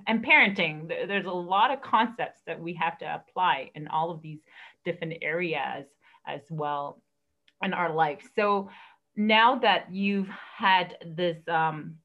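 A woman's voice: on the low side, fairly bright tone. A woman hosting a podcast, encouraging her guest and asking long, searching questions. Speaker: podcast host. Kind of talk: interview questions. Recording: muffled lo-fi audio.

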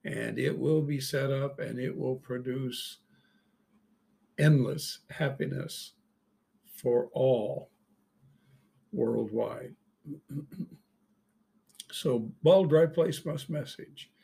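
Male Bible teacher, gravelly and slow, casual verse-by-verse commentary. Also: medium pitch, warm tone. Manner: reads verses aloud, then explains them in an offhand way. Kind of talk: verse-by-verse scripture reading and commentary.

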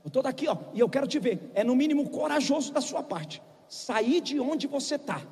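Fervent high-voiced pastor preaching. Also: male voice, animated, normal speed. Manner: impassioned, shouting calls to come forward. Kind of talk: revival sermon and altar call. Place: large church with galleries, live congregation. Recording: live church recording with long reverb and music.

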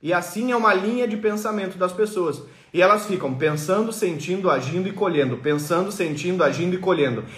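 A woman's voice: medium pitch, fairly bright tone, echoey room. A woman giving an explanatory motivational talk, emphatic and repeating key phrases. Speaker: motivational speaker.

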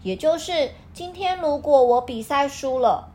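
A high-voiced woman reads aloud to a toddler with big, swooping intonation. She explains things simply, in a teacherly way, and keeps asking the child questions. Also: unhurried. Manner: expressive, questioning, teacherly way of talking to a small child. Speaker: parent reading a picture book with a child.

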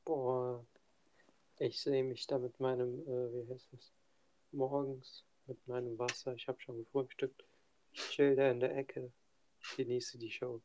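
A man's voice: mid-range voice, flat delivery, a little slow, darkish tone. A young male student chatting casually in a laid-back, dry, slangy way. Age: young adult. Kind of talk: casual chat. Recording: noticeable background hiss.

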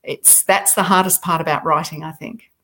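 A middle-aged woman speaking as an author guest in an interview. She talks thoughtfully and with gentle self-deprecation. Her sentences often restart as she searches for the right words. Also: deep voice, fairly even intonation, moderate pace. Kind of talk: reflective interview talk.

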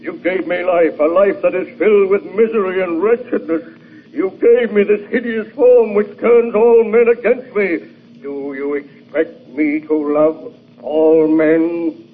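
A man's voice: mid-range voice, natural voice. A man playing Frankenstein's brooding monster. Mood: anguished. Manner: slow, brooding, anguished pleading. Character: wretched, bitter man-made male monster. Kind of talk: 1940s radio acting. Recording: tinny old radio recording.

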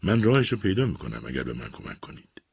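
An insistent, patient army captain defending a client, as a narrator puts him on in a storybook reading. His voice is very deep and breathy-husky, and he presses each question firmly. The recording is close and dry. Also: big pitch swings, no room sound, exaggerated voice. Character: persistent male army captain and defense lawyer.

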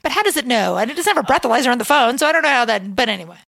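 A woman co-hosting a podcast in casual chat, chatty and quick to laugh. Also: fairly high pitch, vocal fry, no room sound. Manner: laughs often, chatty and animated. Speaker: podcast co-host.

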